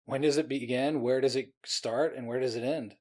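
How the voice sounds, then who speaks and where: A man co-hosting a podcast in loose, friendly chat. He laughs often and jumps in with quick, excited asides, in a voice of ordinary pitch for a man. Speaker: podcast co-host. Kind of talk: casual chat.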